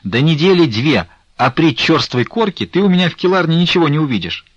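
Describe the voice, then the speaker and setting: A man's voice: medium pitch, big pitch swings, fast talker, husky, dry recording, highs cut off. A man voicing a fussy, scolding but kind-hearted old woman nun in an audiobook. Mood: threatening.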